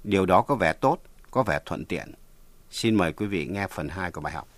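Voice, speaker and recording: A man hosting a radio English lesson, reading a scripted bilingual lesson and spelling out words slowly and carefully. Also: low voice, animated, no echo. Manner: slow, careful spelling and pronunciation drills. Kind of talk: scripted bilingual teaching narration.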